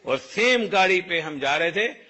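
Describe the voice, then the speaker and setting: Man, storytelling speech, high voice, acts out dialogue. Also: unhurried. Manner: lively anecdotal, acts out dialogue. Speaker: motivational speaker.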